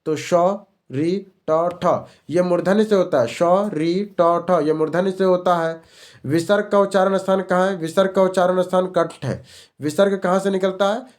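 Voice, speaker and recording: A man's voice: high-pitched, normal speed. A male teacher running an exam-prep grammar lesson, repeating each question and answer as a drill.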